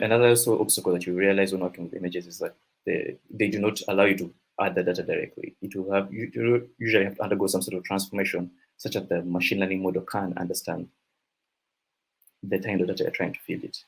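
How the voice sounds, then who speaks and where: Man, very low flat voice, husky, halting technical talk. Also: poor audio. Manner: halting, many restarts and fillers. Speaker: conference speaker.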